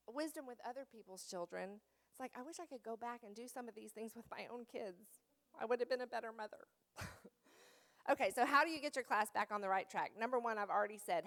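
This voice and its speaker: A middle-aged woman giving a teacher training talk in a church, telling classroom stories and acting out the children and her own commands. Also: a little high. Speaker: children's Sunday school teacher.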